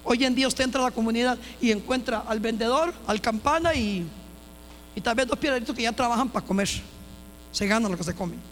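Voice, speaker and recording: A woman's voice: on the high side, fairly quick. A woman pastor giving a personal testimony in a church, telling her story emphatically with repeated phrases and restarts. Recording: long hall reverb with faint mains hum.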